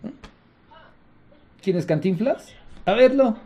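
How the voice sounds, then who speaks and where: Mexican guy ranting sarcastic about politics, pretty high voice, middle-aged host. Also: lively intonation, takes it slowly, mellow, dull audio. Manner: sarcastic and indignant. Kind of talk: political commentary monologue.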